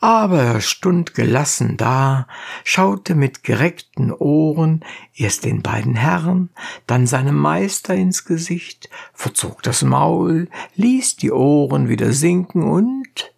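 A woman narrating a classic tale in a measured, deliberate audiobook reading. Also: sits low, expressive, vocal fry, darkish tone, husky.

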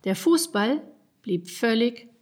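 A woman narrating a children's storybook in a lively, expressive reading. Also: on the high side, takes it slowly.

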